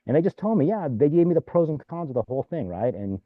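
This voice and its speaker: Quick and very animated, with a fairly high pitch, a former California mayor chats his way through rambling anecdotes, tossing in "you know" and "right?" often. No echo is present, and the sound is dry and tinny, as if over a phone.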